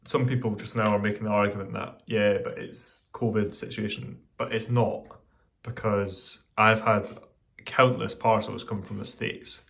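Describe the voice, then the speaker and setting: A man with a fairly low voice gives a casual hobby vlog update. He talks in a meandering, hesitant way, often stopping to correct himself partway through a sentence. The delivery is unscripted and conversational. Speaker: hobbyist vlogger giving updates.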